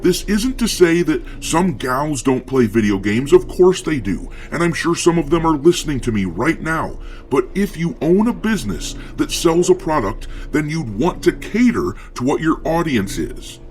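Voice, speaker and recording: Sarcastic male commentary host, lively pitch. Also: moderate pace, hardly any pauses, a little hiss or hum. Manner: mocking, sarcastic; pirate-themed greetings. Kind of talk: scripted commentary.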